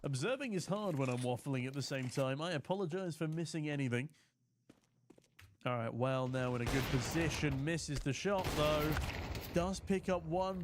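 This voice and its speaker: Faint hiss or hum accompanies this mid-range male voice. He's a UK esports caster working solo, calling the match and chatting jokily with his audience by reading their chat messages between plays.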